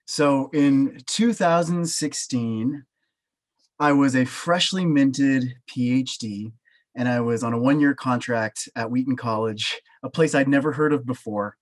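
Speaking at an unhurried pace in a mid-range voice, this man in his thirties gives personal testimony as a panelist on a video call, picked up by his webcam in a small home office. He's a professor with a Canadian accent who talks with earnest emphasis and uses both hands to gesture.

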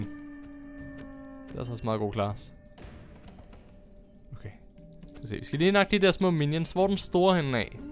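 A young man chatting casually as he plays a game on his channel, excitable and quick to laugh. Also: medium pitch. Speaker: gaming YouTuber. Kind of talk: casual Minecraft commentary.

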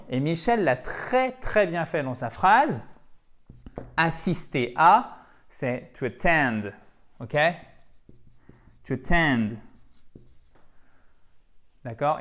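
A man whose first language is French, giving a video English lesson. He explains patiently, repeats key words and keeps checking in with the viewer. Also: on the high side. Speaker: English teacher.

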